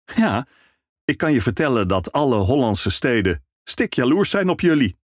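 A man's voice: mid-range voice, big pitch swings, normal speed, dry recording, clean studio sound, voice pushed up. A man reading a storybook, voicing a curious, somewhat timid young male minstrel.

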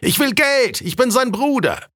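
Man doing a shrill jeering crowd heckler. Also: sing-song, unhurried, no echo, clean studio sound, heavily acted. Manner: shouted high jeering taunts. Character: rowdy mocking male heckler in a crowd.

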